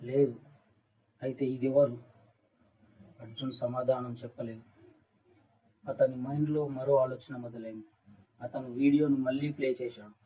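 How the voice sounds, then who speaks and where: Guy narrating a horror story, monotone, dull kinda far-off audio. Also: medium pitch, normal speed, pauses often, husky. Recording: dull, distant-sounding recording.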